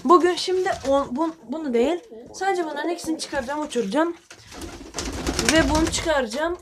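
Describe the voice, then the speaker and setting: With a noisy background behind her, a woman vlogs about her pigeons, speaking briskly in a high voice. She's chatty and blunt with viewers and swears from time to time.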